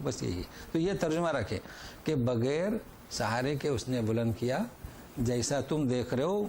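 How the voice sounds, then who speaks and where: Male Quran teacher, patient explainer, slow recitation, faint room hiss. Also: fairly high pitch, a little mellow. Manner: explains verse by verse, recites Arabic slowly then translates; asks and answers his own questions. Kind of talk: Quran lesson with commentary. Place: lecture hall.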